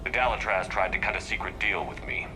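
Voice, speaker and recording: Man as Commander Shepard, low, firm soldier. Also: fairly even intonation, fast, noisy background, natural voice. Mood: measured. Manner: firm, plain-spoken. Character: steadfast male human military commander, firm and diplomatic. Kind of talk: video game acting.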